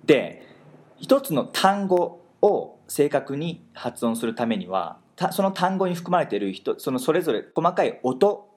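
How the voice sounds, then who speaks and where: A man hosting a talk, explaining pronunciation in an animated way and slowing down on key words for emphasis. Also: fairly high pitch. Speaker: host teaching pronunciation. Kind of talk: explanatory chat.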